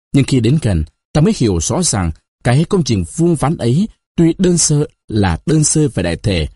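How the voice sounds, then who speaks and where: A man narrating a novel as an audiobook, with expressive, dramatic storytelling and a husky voice. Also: medium pitch, no room sound, studio quality.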